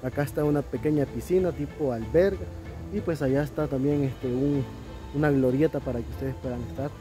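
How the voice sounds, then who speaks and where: A man's voice: mid-range voice, brisk, music in the background. A man with a Salvadoran Spanish accent hosting a casual travel vlog outdoors, chatty and enthusiastic. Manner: chatty, enthusiastic, laughs often. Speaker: vlogger host. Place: outdoor riverside restaurant.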